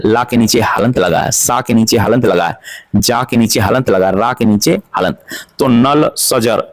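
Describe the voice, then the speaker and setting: A man teaching an exam-prep grammar lesson, asking questions and answering them himself to drill each point. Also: mid-range voice. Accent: Hindi-speaking North Indian.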